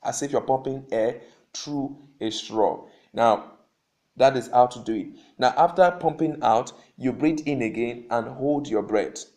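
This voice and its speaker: A vocal coach with a mid-range, darkish voice leads a spoken singing lesson, guiding seated singers through breathing exercises at an unhurried pace. He's instructive, repeats his points, and checks in often by asking "okay?".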